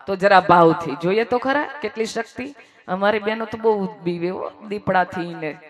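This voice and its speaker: Lively woman preaching to a crowd. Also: a little high. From Gujarat. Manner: lively, teasing the crowd, leading chants. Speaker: religious storyteller. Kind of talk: devotional sermon.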